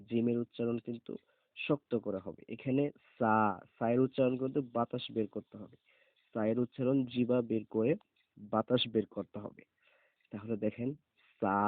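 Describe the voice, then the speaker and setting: A man teaching Arabic letter pronunciation, saying each letter slowly and repeating it several times. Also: fairly low pitch, no room sound. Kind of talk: slow pronunciation lesson. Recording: tinny phone-like sound.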